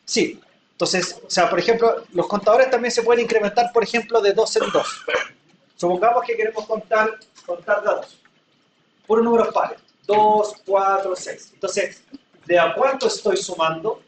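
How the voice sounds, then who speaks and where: This is a distant, echoey recording of a classroom lecture by a high-pitched man speaking at normal speed. He's patient, leans on everyday examples, and often checks his students understand; a little background noise is present.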